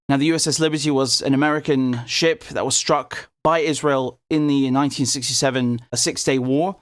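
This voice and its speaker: A man's voice: medium pitch, dry recording, studio quality. A man in his thirties from the United Kingdom hosts an interview, asking earnest questions with frequent restarts. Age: 30s. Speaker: interview host. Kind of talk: conversational interview.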